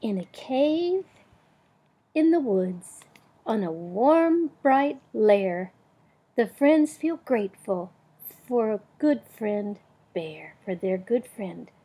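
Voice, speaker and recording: An older woman with a grandmotherly, gentle manner, reading a storybook aloud and chatting to young listeners. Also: a little high, big pitch swings, takes it slowly, slightly rough.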